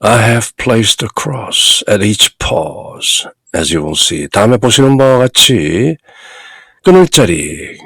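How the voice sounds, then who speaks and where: Slow, gravelly male teacher. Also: lowish voice, big pitch swings, a bit bright, dry recording. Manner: slow, deliberate reading with long pauses. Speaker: English reading teacher. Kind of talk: bilingual lesson on a devotional text.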